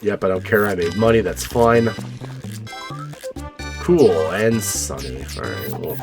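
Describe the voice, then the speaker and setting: A man hosting a let's play, chatting casually and haltingly with lots of fillers and restarts, offhand and a bit profane. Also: deep voice, expressive, music in the background. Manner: rambling and hesitant, many fillers and restarts. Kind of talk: casual gameplay commentary.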